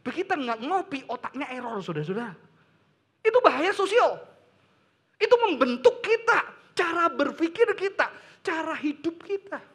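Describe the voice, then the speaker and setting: Animated high-voiced male preacher. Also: normal speed. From Indonesia. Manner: animated preaching, mixing in English phrases and casual slang. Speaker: pastor. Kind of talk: sermon.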